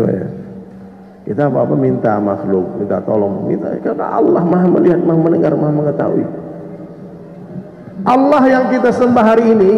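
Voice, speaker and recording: A man preaching a mosque sermon, animated, speaking straight to his listeners and acting out the stories. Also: sits high. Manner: animated, addresses listeners directly, acts out quotes. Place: large mosque hall. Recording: echoey hall, muffled sound.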